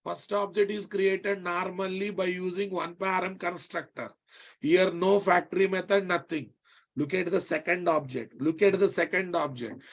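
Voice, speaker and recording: A man's voice: sits high, gravelly. A man with a Telugu Indian accent teaching a live technical class, emphatically repeating phrases and often checking that students follow. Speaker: programming instructor.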